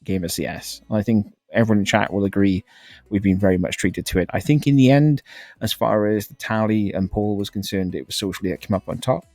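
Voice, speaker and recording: A man giving relaxed, rambling live commentary on a competitive game as a caster, laughing often. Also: on the low side, fairly quick, no echo, faint music behind. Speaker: esports caster.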